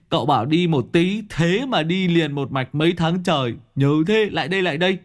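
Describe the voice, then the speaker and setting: A man voicing a giddy, freeloading young male sidekick who stammers excitedly. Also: fairly high pitch, normal speed, pitched above the performer's own voice, lightly acted.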